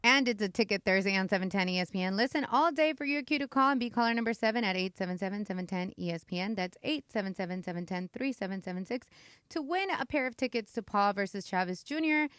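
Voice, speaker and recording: A woman delivers a radio contest promo in a clear, polished voice. She moves quickly through the read at a slightly high pitch, in a dry studio sound. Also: a bit bright, no echo.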